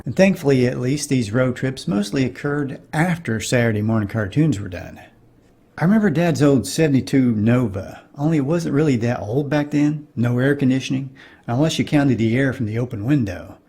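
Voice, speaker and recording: A man's voice: medium pitch, animated, moderate pace, mellow, breathy edge. A middle-aged man giving wry, nostalgic comedic narration for a cartoon.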